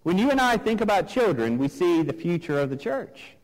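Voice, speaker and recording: A man's voice: high voice, very animated, brisk, a little mellow, long reverb tail, rough recording. A man preaching a sermon to his congregation in an emphatic, repetitive cadence. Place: church sanctuary.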